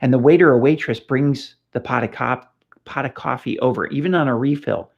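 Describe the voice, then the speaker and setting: A middle-aged Californian man hosts a relaxed police training talk, chatty and full of anecdotes, fillers and restarts. His mid-range voice is husky and fairly quick, on a slightly dull lo-fi recording.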